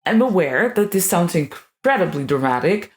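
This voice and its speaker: Woman, slightly low voice, sarcastic vlogger with a crude, irreverent edge. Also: very animated, moderate pace. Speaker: video creator. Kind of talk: scripted monologue.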